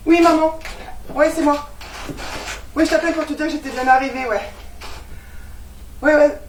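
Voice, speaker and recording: A woman's voice: sits high, fairly even intonation, moderate pace, slight background noise, natural voice. An actress playing an exasperated, sarcastic young woman, heard on a stage. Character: exasperated young woman, sharp-tongued and ironic. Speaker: new tenant. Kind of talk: stage comedy acting. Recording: echoey stage sound from far off.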